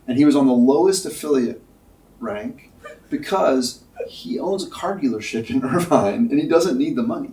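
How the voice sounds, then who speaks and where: A man, a company executive, eagerly introducing a guest in casual chat, talking fast and repeating words as he goes. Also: fairly high pitch, expressive, creaky, warm tone. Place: Ledger's Paris headquarters. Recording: roomy, distant.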